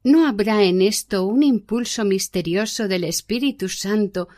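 A gentle, learned old monk explains prayer in a calm, measured voice , as a woman reads him aloud from a spiritual book. The pace stays slow and deliberate. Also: mid-range voice, close to an everyday voice. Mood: teaching. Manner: measured, unhurried reading.

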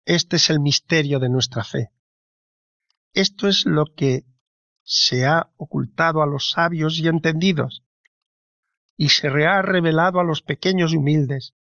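Reverent man reading slowly on radio. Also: fairly high pitch, fairly bright tone, no echo, highs cut off. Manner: slow, reverent, deliberate reading. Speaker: radio co-host. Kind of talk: scripted spiritual reflection.

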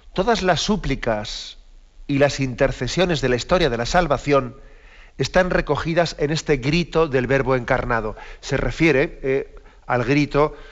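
A man giving a catechism commentary on the radio, explaining a text he reads out in parts and pausing to reflect. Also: mid-range voice. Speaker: bishop giving catechism talk. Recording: slightly dull radio broadcast.

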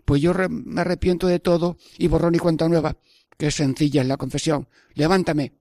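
Older priest, earnest sermon, slightly high voice, dry close sound. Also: male voice, steady tone, a little fast, darkish tone, no echo. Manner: earnest, repetitive preaching with prayerful asides. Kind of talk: Stations of the Cross sermon.

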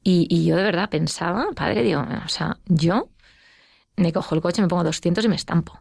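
A middle-aged woman with a Spanish accent, telling her personal story as an interview guest, emotional and quick. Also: on the low side, creaky, darkish tone, husky, no echo, studio quality. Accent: Spain. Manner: fast, emotional storytelling with acted quotes. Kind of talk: personal testimony in conversation.

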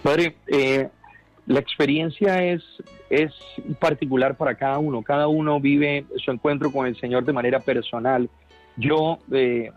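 Earnest Colombian priest on radio. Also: male voice, medium pitch, lo-fi sound. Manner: earnest, fervent, with frequent restarts. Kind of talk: radio interview testimony.

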